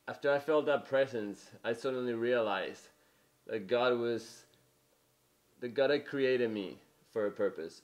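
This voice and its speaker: A young man from Mexico giving an earnest, conversational testimony sermon, full of "you know" fillers. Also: mid-range voice. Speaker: preacher.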